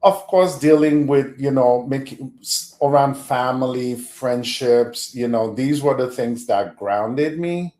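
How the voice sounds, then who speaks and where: A Haitian-born man speaks unhurriedly as a podcast guest, thoughtful and quick to chuckle. His mid-pitched voice rings in a roomy, echoey space. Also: darkish tone. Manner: slow, reflective, chuckles often. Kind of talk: podcast interview.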